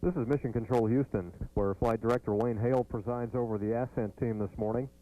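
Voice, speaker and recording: An American man delivering formal, measured mission control commentary from a script. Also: medium pitch, fairly even intonation. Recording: thin phone-like broadcast line.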